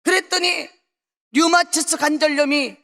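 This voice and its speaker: A woman pastor preaching a fervent testimony, going from soft passages to loud ones. Her voice is very high and bright with a gravelly edge. It echoes with the long reverb of a large prayer hall. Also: a little slow. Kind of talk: testimony sermon.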